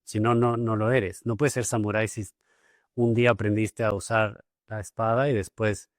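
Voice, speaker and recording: A man with a somewhat low voice hosts an interview, asking questions thoughtfully. He hesitates often and repeats words while he gathers his thoughts. The sound is dry and close-miked. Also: flat delivery, moderate pace, no echo. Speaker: podcast host. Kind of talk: casual interview conversation.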